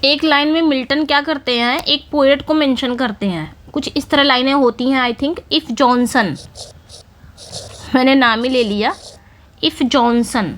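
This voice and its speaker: A woman teaching English literature for an exam, explaining in Hindi and reading the English questions out slowly. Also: high voice, a bit bright. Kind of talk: exam-prep lecture.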